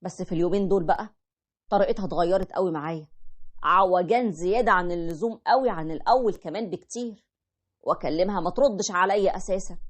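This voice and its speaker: A woman with an Egyptian accent, telling a first-person story in a brisk, aggrieved way. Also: on the low side.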